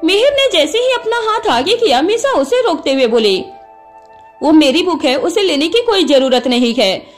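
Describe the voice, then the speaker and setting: A woman reads a romantic story aloud in a very high, animated voice, changing her tone for each character as the dialogue moves along. Soft music plays underneath her narration. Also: moderate pace. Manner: expressive, shifts tone for each character's lines.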